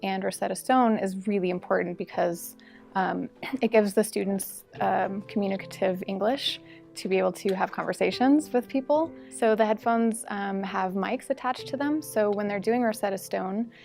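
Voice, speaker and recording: Gravelly-voiced teacher explaining her classroom. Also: mid-range voice, moderate pace. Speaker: English-as-a-second-language teacher. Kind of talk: interview testimonial. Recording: soft music bed underneath.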